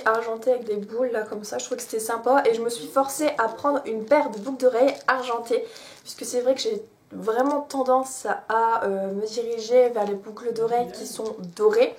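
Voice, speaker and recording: A woman's voice: on the high side, darkish tone, a little hiss or hum. Chatty woman vlogging from her bed. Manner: chatty, many fillers and restarts. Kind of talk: casual haul vlog. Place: bedroom, sitting on her bed.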